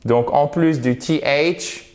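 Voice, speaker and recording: A man whose first language is French, teaching English grammar slowly and deliberately, stretching out the example words. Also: a little high, darkish tone.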